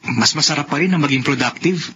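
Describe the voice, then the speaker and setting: Bright-voiced young Filipino man, radio drama. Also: on the high side, fast talker, muffled recording, a little hiss or hum. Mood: easygoing. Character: eager, gentle young man Warren, sickly rich son. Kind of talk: old-style Filipino radio drama acting.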